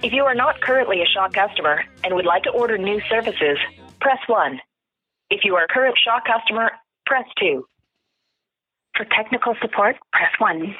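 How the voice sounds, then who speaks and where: A woman reading scripted phone menu announcements in a measured, formal manner, recorded over a telephone line. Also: medium pitch, animated, husky, faint music behind. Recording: tinny, narrow telephone line.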